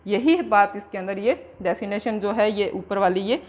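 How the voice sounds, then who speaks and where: A woman with an Indian accent giving a coaching-class lecture, explaining in Hindi and slowly dictating English definitions word by word. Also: mid-range voice. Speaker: English exam coaching teacher.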